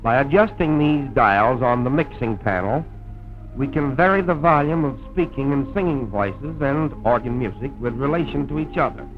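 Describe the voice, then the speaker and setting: The recording sounds like a dull, lo-fi old film soundtrack. A man with a mid-range voice narrates and announces at normal speed, formal and scripted in the manner of mid-century radio.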